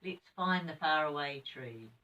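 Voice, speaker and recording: Eager young storybook children, keen on a secret adventure, as a sweet old lady reads them. The accent is New Zealand and the delivery is expressive. The sound is a little off the microphone. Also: low voice, measured pace, recorded from a distance, lo-fi sound, full character voice. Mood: urging.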